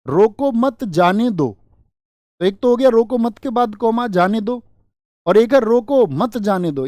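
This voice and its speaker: A man's voice: sits high, a little mellow, no room sound. Male teacher, exam-prep lesson, repeats key points, fires quiz questions, dry close sound. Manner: drills points by repeating them; keeps firing quiz questions at students.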